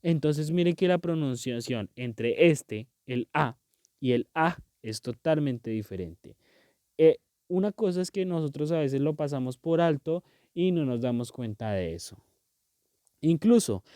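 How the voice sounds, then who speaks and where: A man's voice: mid-range voice, mellow, no room sound, clean studio sound. A man teaching a grammar lesson, patient and explanatory, checking often that his students follow. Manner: patient, repeats "¿cierto?" and "¿listo?" to check understanding.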